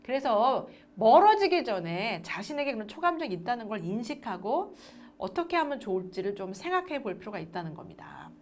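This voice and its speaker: A woman's voice: fairly high pitch, a little fast, a little hiss or hum. A woman lecturing parents in a recorded parenting class, often asking her listeners questions. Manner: lively, asks the audience questions.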